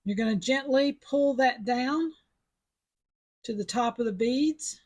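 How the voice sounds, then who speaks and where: Husky-voiced woman teaching beadwork. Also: on the high side, slow pace, darkish tone. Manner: chatty, step-by-step instructions. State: sucking a mint after coughing. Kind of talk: casual craft tutorial.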